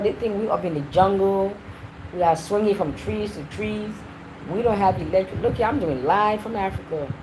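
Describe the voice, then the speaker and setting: A woman hosting a casual livestream, chatty and animated as she talks straight to her viewers. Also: medium pitch, background noise. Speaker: livestream host. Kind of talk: casual live-stream chat.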